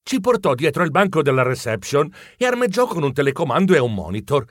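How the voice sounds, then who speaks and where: A man narrating a children's audiobook, lively and expressive. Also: fairly high pitch, quick pace, dry recording, studio quality.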